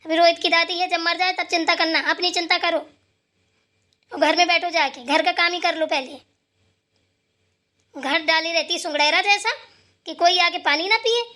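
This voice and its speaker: A woman's voice: extremely high pitch, fairly even intonation, normal speed, pauses often, bright, forceful tone. Woman voicing a nagging old mother-in-law. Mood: scolding. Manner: taunting, nagging, sarcastic. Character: scolding sharp-tongued old mother-in-law. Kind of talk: cartoon voice acting.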